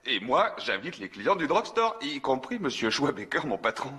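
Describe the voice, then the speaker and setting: A man's voice: medium pitch, big pitch swings, moderate pace, sharp tone, breathy edge, exaggerated voice. An actor dubbing a talkative, nervous small-town soda fountain clerk who stumbles and restarts as he tells a story in a classic film. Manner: rambling, eager, stumbling restarts. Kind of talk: dubbed film acting.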